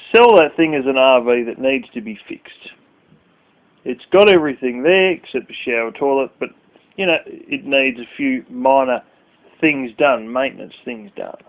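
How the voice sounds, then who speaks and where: Late at night, a sleepy, yawning male vlogger rants to camera, rambling, blunt and swearing freely. His voice is medium in pitch and his pace moderate. The audio sounds tinny, like it came through a phone.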